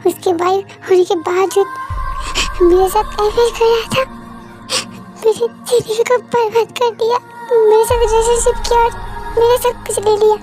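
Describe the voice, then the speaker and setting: Girl voicing a heartbroken young woman yelling at her cheating guy, teary, really high voice, music playing. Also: fairly even intonation, normal speed. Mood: tearful. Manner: accusing, tearful, shouting. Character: young woman, betrayed, furious and tearful. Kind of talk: fan-dub audio drama.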